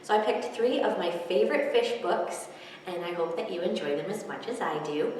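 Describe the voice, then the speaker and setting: Reading picture books aloud to children, this library storyteller, a woman in her thirties, has a fairly low pitch, lively intonation and a darkish tone at a moderate pace. The recording comes from a distant mic in an echoey hall with background noise.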